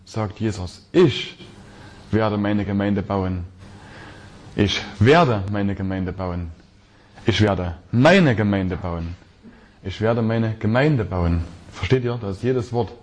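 A man delivering a sermon in an ordinary mid-range voice. He reads scripture slowly and deliberately, then hammers home a key phrase by repeating it again and again. Each repetition stresses a different word. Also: medium pitch, a little mellow. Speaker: preacher.

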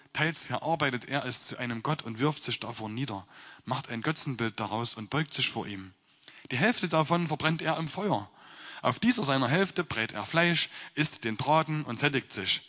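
A man reads scripture aloud slowly, then explains it as a sermon, leaning hard on key words. His voice is bright and forceful. A long reverb trails behind him, as in a large hall. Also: medium pitch. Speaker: preacher. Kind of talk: scripture reading with sermon commentary.

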